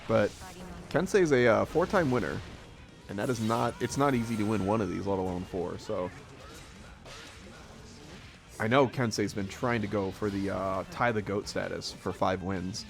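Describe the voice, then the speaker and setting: Gravelly male esports commentator. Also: lowish voice, normal speed, soft background music. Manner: rambling, chuckles often, self-deprecating. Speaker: tournament commentator. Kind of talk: casual live esports commentary.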